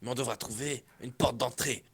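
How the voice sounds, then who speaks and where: A man reading a role in a comic fan-fiction reading, deliberate and mock-pedantic. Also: mid-range voice, fairly even intonation, fairly bright tone, slightly rough.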